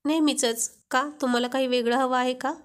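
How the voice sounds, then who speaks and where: A woman's voice: high-pitched, fairly even intonation, brisk, smooth, natural voice. A woman voicing a shy young wife who flares up and gets flustered at her husband's teasing. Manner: coy, flustered.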